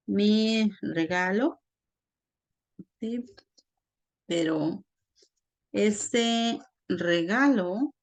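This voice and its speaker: A woman teaching a grammar lesson online, explaining slowly and patiently and checking in often with her students. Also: medium pitch. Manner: slow, patient, checks in with frequent "¿sí?". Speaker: Spanish teacher.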